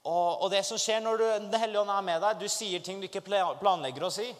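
A man preaching a testimony to a congregation, telling his story in an animated way and rising to fervent exclamations. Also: high-pitched. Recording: long hall reverb.

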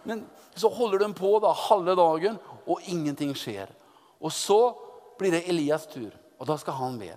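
A man preaching a sermon, retelling a Bible story in a lively, teasing way with many restarts. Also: on the high side, big-room sound.

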